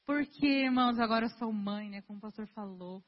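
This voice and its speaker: Young woman preaching, husky voice in a hall. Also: a little high, a little fast. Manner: earnest, conversational, addresses congregation directly. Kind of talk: sermon. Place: church hall. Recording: dull lo-fi sound with long hall reverb.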